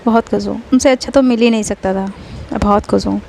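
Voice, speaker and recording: A woman's voice: medium pitch, steady tone, quick pace, creaky, a little mellow, a little hiss or hum, close to an everyday voice. A woman voicing a stern young sister-in-law who scolds and questions with mock anger. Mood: pleased.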